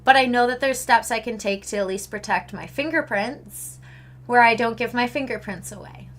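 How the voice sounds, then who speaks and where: A young woman from Canada talks loosely to her stream chat. Her voice sits high and sounds bright. She rants with heavy swearing and lots of animation. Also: normal speed. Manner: swears a lot, ranting, animated. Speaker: streamer chatting with viewers. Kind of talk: casual livestream chat.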